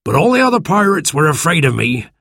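A scheming one-legged pirate cook speaks in a husky, raised voice, dangling his plans slowly and with false friendliness. The sound is dry and close, as a man reading the story acts him out. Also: on the high side, sing-song, fairly bright tone, no echo, voice pushed up, heavily acted. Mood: boastful.

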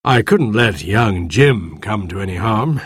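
A man voicing a brisk, commanding but kindly gentleman doctor in a storybook. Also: mid-range voice, lively intonation, husky, dry recording, clean studio sound.

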